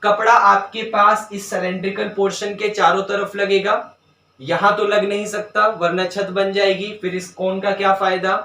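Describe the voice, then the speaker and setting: A man teaching a maths lesson step by step, often checking whether students follow and slowly dictating terms as he writes. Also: sits high, little pitch movement, pushed and bright, recorded from a distance. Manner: dictates English terms slowly while writing. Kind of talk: board-work maths lesson. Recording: roomy sound, voice away from mic.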